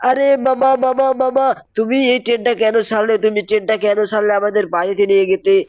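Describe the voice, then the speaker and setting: A man's voice: little pitch movement, fast, no room sound, dull audio, lightly acted. A man voicing a whiny young boy nephew in a cartoon style during gameplay commentary. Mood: pleading. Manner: high squeaky urgent pleading. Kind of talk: gameplay commentary role-play.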